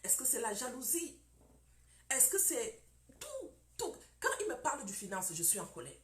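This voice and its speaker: A woman's voice: high-pitched, huge pitch swings, normal speed, roomy sound. A woman preaching about marriage, emphatic and repetitive, firing off rhetorical questions.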